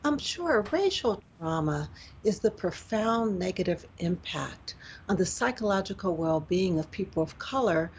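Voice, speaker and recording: Guest expert, woman, calm explainer, dull remote line with faint hum. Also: medium pitch, a little slow. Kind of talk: remote news interview.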